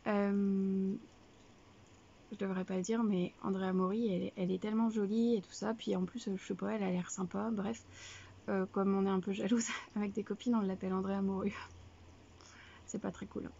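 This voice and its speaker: A young woman talks casually to her viewers, rambling from one thought to the next and correcting herself as she goes. Her mid-pitched voice carries a gravelly, creaky edge. The sound is a little dull and lo-fi. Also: flat delivery, brisk, warm tone, a little hiss or hum. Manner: chatty and rambling, many fillers and self-corrections. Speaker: knitting podcast host. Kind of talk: casual video podcast chat. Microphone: camera, showing items to viewers.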